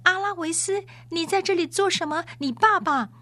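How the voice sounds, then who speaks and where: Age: adult. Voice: a woman playing a loud, showy young noblewoman with a piercing high voice. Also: normal speed. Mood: shrill surprise.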